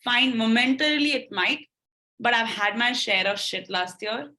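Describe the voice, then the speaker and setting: Bright-voiced young woman telling a story animatedly. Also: normal speed, rough recording. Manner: animated, acts out quoted dialogue with shifting pitch. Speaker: podcast guest. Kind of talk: candid conversational storytelling.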